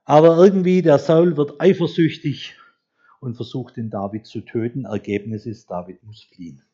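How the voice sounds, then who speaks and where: Male preacher with a mid-range voice, telling the story in a chatty way and slowing down for scripture, on a dull, lo-fi recording. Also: medium pitch, steady tone, mellow. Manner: conversational storytelling, slows down to read scripture. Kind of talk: sermon.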